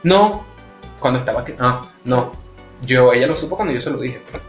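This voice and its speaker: A man's voice: medium pitch, animated, a little fast. A man with a Venezuelan Spanish accent, hosting a casual, candid chat and telling his stories frankly and with animation. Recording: echoey room with faint music.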